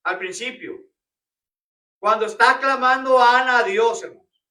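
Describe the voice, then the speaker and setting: A man leads a Bible study in a church, constantly putting questions to the room and addressing everyone as brothers. His voice is very high and bright. It comes across from some way off, with a roomy echo. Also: a little slow. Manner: questioning the congregation often, repeating "hermanos". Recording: roomy church hall, picked up from a distance.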